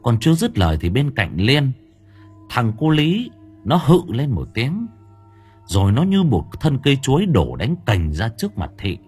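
A man narrating an audiobook in a lively, humorous storytelling manner. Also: medium pitch, moderate pace, husky. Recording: faint music behind.

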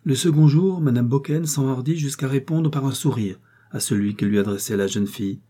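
A man reading a novel aloud as an audiobook narrator, in measured, even storytelling. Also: medium pitch, husky. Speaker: audiobook reader.

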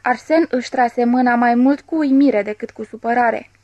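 A woman's voice: a little high, a little mellow, no room sound, highs cut off. Woman reading an audiobook, dry close sound. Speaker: audiobook reader. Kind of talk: literary audiobook narration.

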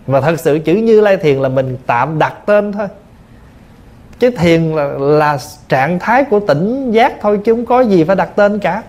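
Monk giving a plain-spoken dharma talk. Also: male voice, high voice, animated, a little slow, darkish tone. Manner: plain, patient explaining through everyday examples. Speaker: Buddhist monk teacher. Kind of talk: dharma talk answering questions.

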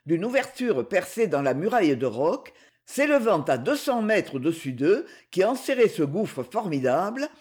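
A man narrating an adventure novel as an audiobook, in an expressive, dramatic reading. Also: high-pitched.

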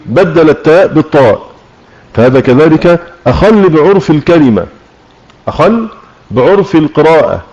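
A man with an Egyptian accent teaching a religious lesson, explaining with questions to his listeners and slowing down to demonstrate recitation. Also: a little high, a little mellow. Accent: Egyptian Arabic. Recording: muffled lo-fi online audio room.

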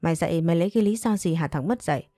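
A woman voicing a furious, breathless old village father who scolds his son with shouted insults, in a read-aloud story. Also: on the low side, very fast, no echo, clean studio sound, close to an everyday voice. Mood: furious scolding.

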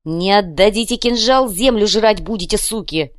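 A woman's voice: animated, takes it slowly, dry recording. A woman voicing a hysterical skinny young man. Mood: frantic shouting. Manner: shrill frantic shouting. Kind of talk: audiobook character voice.

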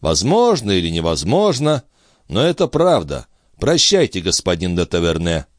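Man reading a stern calm doctor in an audiobook, kinda low voice, measured and insistent. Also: no echo, studio quality. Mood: firm. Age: middle-aged. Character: stern middle-aged male doctor, calm and firm.

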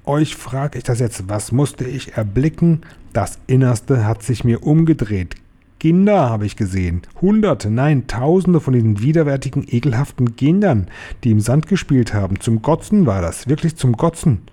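A tyrannical witch leader played by a man reading aloud screeches her orders in a raised, strained voice. She stretches each threat out with slow, menacing weight, and the tone stays mellow and dark underneath. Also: medium pitch, pitched above the performer's own voice, lightly acted. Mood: scornful rage. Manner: screeching, spitting scorn, slow menacing emphasis.

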